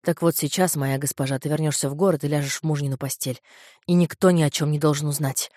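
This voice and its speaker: A woman voicing a wary older male guard commander who speaks low, slow and with distrust. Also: fairly even intonation, dark tone, dry recording, studio quality. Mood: stern.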